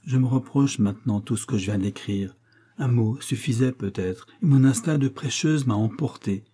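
The letter, tender and moralizing, comes from an earnest young wife, but a man reads it. Mid-pitched and unforced, his mellow, dark voice carries a husky grain and stays solemn and even at a moderate pace.

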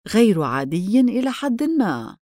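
A woman's voice: medium pitch, sing-song, normal speed, darkish tone, no echo, clean studio sound, lightly acted. A woman reading the lines of a reserved middle-aged male lawyer in a storybook, in a grave, guarded manner.

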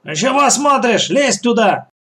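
Man putting on a shrill old bandit matriarch. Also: expressive, moderate pace, a bit bright. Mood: furious. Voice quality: shrill, barking commands. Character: harsh bossy old female bandit leader.

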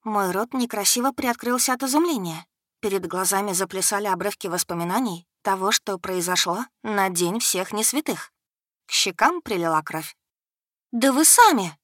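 A woman's voice: mid-range voice, dry recording. Woman reading an audiobook, close and dry. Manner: expressive, steady storytelling. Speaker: audiobook narrator. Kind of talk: first-person audiobook narration.

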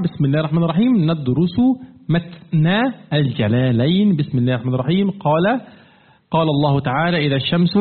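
A man teaching a classroom lesson, quizzing his students with constant questions and demonstrating with repeated emphatic words. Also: fairly high pitch. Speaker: teacher of Quran commentary. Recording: tinny phone-like classroom recording.

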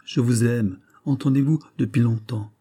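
A man's voice: medium pitch, normal speed, mellow, natural voice. A man voicing an anguished nobleman in an audiobook of a classic novel, speaking in an imploring way. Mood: overwhelmed. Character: anguished nobleman, a proud minister.

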